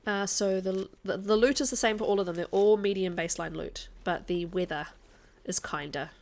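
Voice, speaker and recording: A woman's voice: mid-range voice, moderate pace, darkish tone. A woman with a mild New Zealand accent, chatting casually and jokily as she streams a game live. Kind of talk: casual livestream chat over gameplay.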